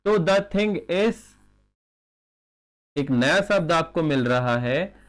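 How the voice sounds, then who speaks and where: A man's voice: on the high side, expressive, a bit bright. A man teaching a chemistry class, who asks questions and answers them himself, repeats key terms and slips in English phrases. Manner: dictates slowly while writing. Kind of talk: classroom lecture.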